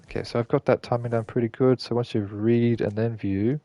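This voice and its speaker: A man's voice: medium pitch, fairly even intonation, a little fast, warm tone, no room sound, lo-fi sound. A man streaming a game and explaining a glitch in casual gameplay commentary, rambling and correcting himself and swearing casually. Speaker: gaming streamer.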